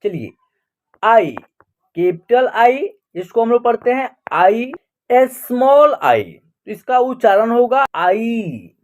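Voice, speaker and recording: Slow, high-voiced woman teaching the alphabet. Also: expressive, a little mellow. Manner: slow, drawn-out, repeats each letter with quiz questions. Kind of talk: online alphabet lesson.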